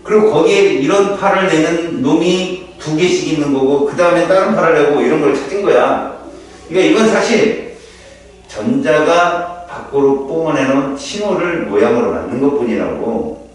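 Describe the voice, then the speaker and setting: In an informal one-on-one session, a man tutors a student in chemistry, explaining lively with rhetorical questions. His voice is a little high and moderately paced, heard from a distance in an echoey room.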